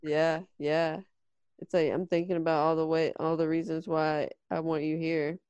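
A woman's voice: low voice, flat delivery, moderate pace, darkish tone, clean tone, no room sound, dull audio. A woman co-hosting a casual talk show, drawling her words with wry exclamations and swearing. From United States. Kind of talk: casual chat.

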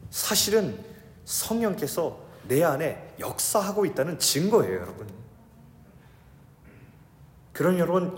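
A man in his thirties preaching a sermon as pastor, shifting between urgent raised delivery and soft, hushed storytelling. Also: high voice. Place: church sanctuary. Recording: echoey hall with long reverb.

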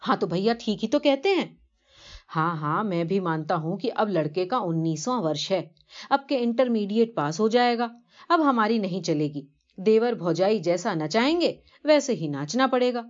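A woman voicing a calm husband soothing his wife in a story reading, on a dull lo-fi recording. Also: mid-range voice, lightly acted. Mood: placating. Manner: soothing, placating. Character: husband, young father, calm and placating.

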